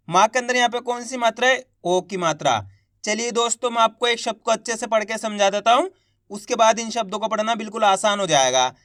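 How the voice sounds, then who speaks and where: Male reading teacher, high-pitched, slow drilling delivery, dead-dry close recording. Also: a bit bright, no echo. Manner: spells out syllables and drills the viewer to repeat. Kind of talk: slow, patient teaching for beginners.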